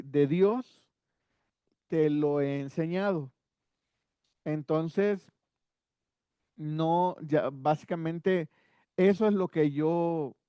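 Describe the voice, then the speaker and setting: A man's voice: on the high side, clear, resonant tone, no room sound, highs cut off. A man teaching a Bible study lesson in a conversational way, with rhetorical asides and words repeated as he thinks.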